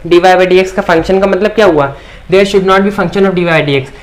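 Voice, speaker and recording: A man's voice: sits high, moderate pace. A man teaching a maths lecture at a board, asking the class questions and answering them himself, often checking in with "theek".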